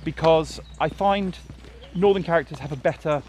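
Standing beside a road, a man who writes TV dramas talks in a relaxed, reflective conversation full of fillers and restarts. His voice is a little high with a darkish tone, at a normal speed, while traffic passes faintly in the background.

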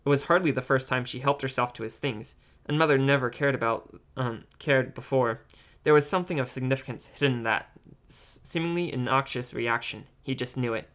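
A man reading an amateur audiobook, halting with ums and self-corrections. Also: mid-range voice, a bit bright. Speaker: audiobook reader.

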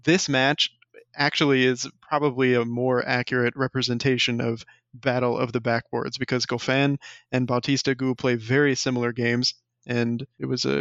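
A man co-hosting a casual sports podcast, talking in a relaxed, joking way. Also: medium pitch, moderate pace, no echo, muffled recording. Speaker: podcast co-host.

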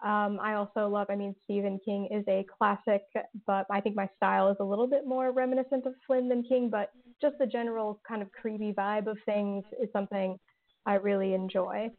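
Speaking fairly quickly in a flat, mid-range voice, this woman is a podcast creator and writer appearing as a guest in a casual interview. She's chatty and sarcastic, sprinkling in many "like"s and "um"s, and the sound is tinny and phone-like.

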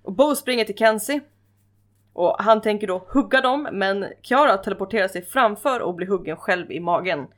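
A woman talks casually at an ordinary mid pitch. She tells a story in a lively, chatty way with informal phrasing. It sounds like a relaxed podcast conversation. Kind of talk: casual recap chat.

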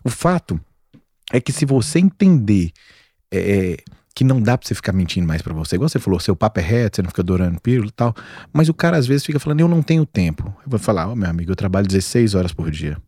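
A Brazilian man of forty talks quickly with a lively, swooping delivery, his low voice recorded close and dry. He tells stories emphatically, full of slang, in a relaxed chat. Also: slightly rough, no echo. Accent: Brazilian Portuguese. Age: 40s. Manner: animated storyteller, slangy and emphatic. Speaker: doctor guest. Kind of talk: casual podcast chat.

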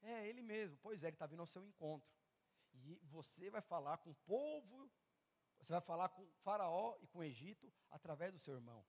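A male pastor preaching at a youth event. He acts out the dialogue of Bible figures and of his listeners, building to loud, fervent passages. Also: high-pitched, very animated, a little fast, long reverb tail. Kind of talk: sermon. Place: large church hall or event venue.

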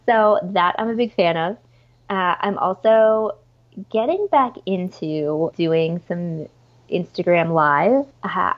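On a lo-fi recording, a woman with a fairly low-pitched voice talks as an enthusiastic podcast guest. The interview is casual and chatty, peppered with "like" and "you know."

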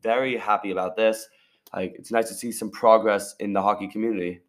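A man's voice: fairly low pitch, fairly even intonation, fairly quick. A young man co-hosting a casual sports podcast, reading out news and chatting plainly. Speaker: podcast co-host. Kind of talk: casual chat.

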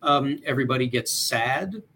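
A man's voice: mid-range voice, lively intonation, normal speed, pushed and bright, slight background noise. Earnest man talking mental health. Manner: thoughtful, earnest, with frequent fillers. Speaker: mental health organization guest. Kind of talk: casual interview talk.

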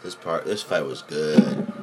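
A man's voice: very deep voice, unhurried, very noisy. A man giving informal, slangy, enthusiastic commentary on a fight video as a fan, swearing freely. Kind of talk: casual reaction commentary with heavy swearing and slang.

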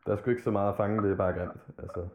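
A man's voice: lowish voice, steady tone, a loud crowd. A man chatting casually on a podcast, rambling loosely and swearing freely. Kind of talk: casual chat about hip-hop. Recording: tinny phone-like line.

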